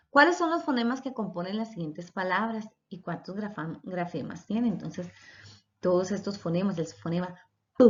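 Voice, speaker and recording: Woman teacher explaining patiently, lo-fi. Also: mid-range voice. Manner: explanatory, spells out letters and sounds. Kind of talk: recorded lecture. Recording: dull lo-fi recording.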